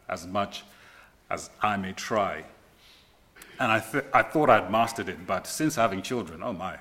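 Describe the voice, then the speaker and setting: Male preacher, middle-aged, unhurried and emphatic, repeats lines for weight, lowish pitch. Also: a bit bright, slight background noise. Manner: emphatic repetition of key phrases; slow deliberate delivery with dramatic pauses. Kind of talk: sermon.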